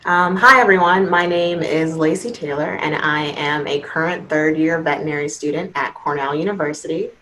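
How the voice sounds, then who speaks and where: A young woman in her twenties from Washington, D.C., a veterinary student, telling her story softly on a video-call panel, with frequent "um"s. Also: deep voice, moderate pace, hardly any pauses, low-quality recording. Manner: soft-spoken, frequent "um".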